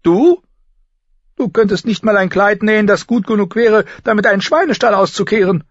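A man putting on a spoiled teenage noble girl from a storybook reading, petulant and whiny, her voice pushed very high above his own and loud. She pleads and complains in a steady indignant whine, with a husky edge, on a slightly dull lo-fi recording. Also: normal speed, dry recording.

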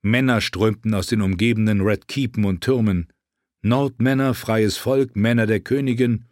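A man narrating a fantasy novel aloud in a steady, measured reading. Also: lowish voice, no room sound, studio quality. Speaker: audiobook narrator.

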